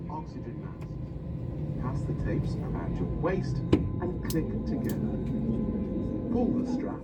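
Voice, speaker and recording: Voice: mid-range voice, very animated, a little slow. A person reading a scripted safety announcement over an aircraft cabin PA. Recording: muffled distant cabin PA, loud aircraft noise.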